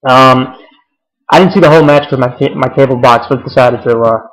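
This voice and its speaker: A man's voice: medium pitch, fairly quick, a bit bright, poor audio. A young man giving a casual, rambling recap of a wrestling show, full of fillers and restarts.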